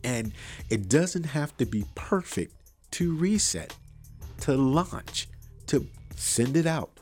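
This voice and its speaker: A man with a bassy, darkish voice hosts a faith-tinged motivational podcast, speaking slowly with lively intonation over soft background music. Earnest and preachy, he repeats phrases for emphasis, recorded in an untreated room full of wires.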